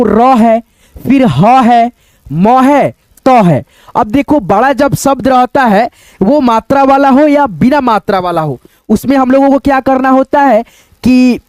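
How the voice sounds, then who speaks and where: A man's voice: very high-pitched, darkish tone, no echo. A man teaching beginners to read Hindi, sounding out letters and words syllable by syllable and often checking in with his viewers. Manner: slow, drawn-out syllable-by-syllable sounding out, repeating each word; keeps addressing viewers as friends, checking with tag questions. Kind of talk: online Hindi lesson for beginners.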